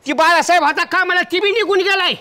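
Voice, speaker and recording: A man's voice: very high voice, fast talker, pushed and bright, full character voice. An actor playing a grumbling, hungry old village farmer who scolds his wife. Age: older. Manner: scolding, complaining. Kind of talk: village comedy acting.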